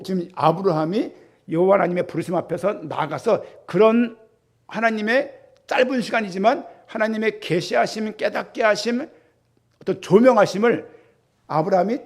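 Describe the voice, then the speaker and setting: Pastor, male, middle-aged, high voice with a husky edge, lively preaching to a congregation. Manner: animated preaching with rhetorical questions to the congregation. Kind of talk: sermon.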